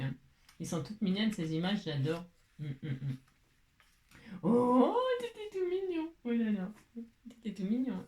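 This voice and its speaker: A French crafting vlogger leads a tutorial at home, rambling and talking to herself with lots of "hein"s. Her voice is medium in pitch, and the room sounds reverberant.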